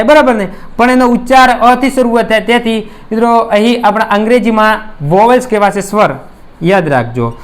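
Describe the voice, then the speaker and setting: A man with a Gujarati accent teaching an English grammar lesson, patiently explaining with examples and often asking "right?". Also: very high-pitched. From India. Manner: keeps asking "right?" to check understanding; addresses students as friends, explains patiently with examples.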